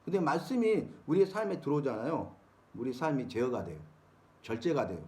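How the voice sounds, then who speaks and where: Animated man preaching. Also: mid-range voice, a little fast. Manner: animated preaching with rhetorical questions to the congregation. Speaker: pastor. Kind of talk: sermon-style Bible teaching.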